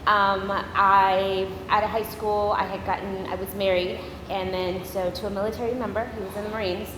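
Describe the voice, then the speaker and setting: A woman's voice: mid-range voice, little pitch movement, normal speed. Woman in an echoey hall. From Corpus Christi, Texas. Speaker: speaker at a networking event. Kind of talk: informal public talk. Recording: echoey hall with background noise.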